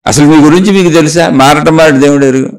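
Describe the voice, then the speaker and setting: A man's voice: a little high, fairly even intonation, racing, a little mellow, distant mic. A man giving a spiritual talk, preaching earnestly through a string of repeated rhetorical questions. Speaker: spiritual speaker.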